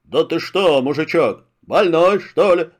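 A man's voice: on the high side, unhurried. A man doing a haughty greedy landowner. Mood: condescending. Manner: haughty, condescending. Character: arrogant greedy male landowner.

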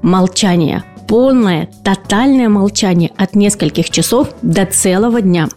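Over faint music, a speech and voice therapist hosts her educational podcast in a mellow, medium-pitched, unhurried voice. She explains patiently and poses rhetorical questions to her audience.

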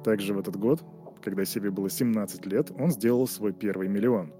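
A man's voice: fairly low pitch, fairly even intonation, fairly quick, dark tone, faint music behind. A man hosting an interview, playful and speaking straight to the audience. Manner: playful, addresses the audience directly. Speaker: interviewer host. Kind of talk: podcast interview.

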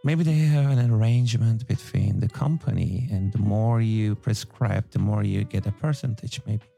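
A man's voice: lowish voice, moderate pace, creaky, dark tone, faint music behind. A man chatting casually in short interjections in a group discussion.

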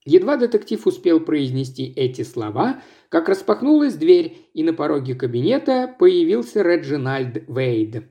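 A man reading an audiobook aloud in an expressive storytelling manner. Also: on the high side, normal speed, few pauses. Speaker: audiobook narrator. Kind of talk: scripted audiobook narration.

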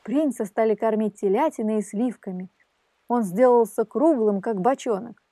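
A woman reading a fairy tale aloud in a lively, animated storytelling manner. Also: a little high, normal speed, no room sound.

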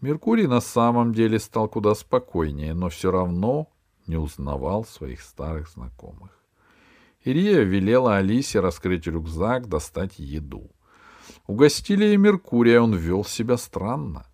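A man narrating a children's adventure audiobook in an even storytelling manner. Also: on the low side, measured pace. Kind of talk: scripted narration.

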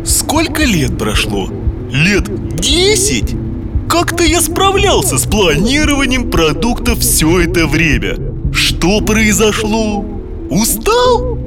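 A kindly, dreamy chef from a children's audio story, as played by an actor. The delivery is slow and affectionate with a very lively melody, over clear background music. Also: medium pitch. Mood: reflective. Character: kindly chef, caring and dreamy food lover.

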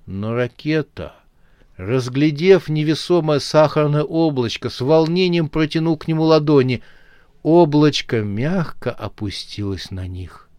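A man narrating a horror novel for an audiobook in an expressive storytelling manner. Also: on the high side, unhurried, clear, resonant tone, dry recording, clean studio sound.

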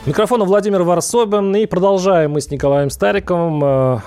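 A male radio host in a political interview, his voice set a bit high. He argues with his guest in a halting way, restarting phrases and repeating words. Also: warm tone, faint music behind. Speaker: radio talk show host. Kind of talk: argumentative live political interview.

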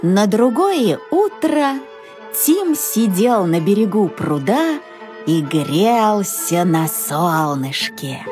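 Brief: woman reading a children's tale, very expressive and slow, high voice with soft music underneath. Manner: expressive, animated, sing-song. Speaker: narrator.

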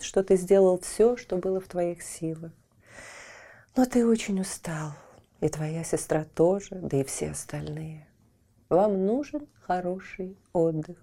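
Woman doing a soft wise light spirit lady, gently scolding. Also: medium pitch, lightly acted. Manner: gentle, reproachful.

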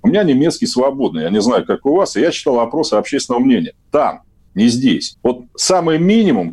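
A man's voice: medium pitch, mellow, husky. A middle-aged man, a political analyst, arguing combatively in a heated radio studio debate and pressing for short answers.

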